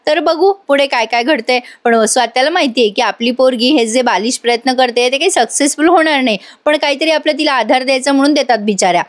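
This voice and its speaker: A woman's voice: high voice, fast, few pauses, no echo. A woman with a Marathi accent recapping a TV serial in a voice-over, talking straight to her viewers. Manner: chatty, addresses viewers directly. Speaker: TV serial reviewer. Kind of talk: episode recap voice-over, reading out dialogue.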